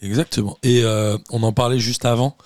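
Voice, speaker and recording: A man hosting a casual interview podcast, chatty and relaxed, asking many questions. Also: medium pitch, fairly quick, no room sound, clean studio sound. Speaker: podcast host.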